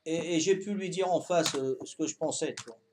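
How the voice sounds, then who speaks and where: A man in his fifties with a Corsican accent, chatting calmly to his viewers during a live game stream, tagging his sentences with "hein" and repeating himself. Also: a little high, slight background noise. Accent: Corsican French. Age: 50s. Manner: calm, unhurried, talks to chat while playing.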